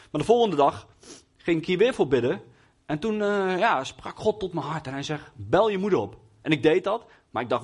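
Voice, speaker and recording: A man's voice: high voice, breathy edge. A young man preaching in Dutch, telling a personal testimony in a hesitant way with many fillers and restarts. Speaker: lay preacher.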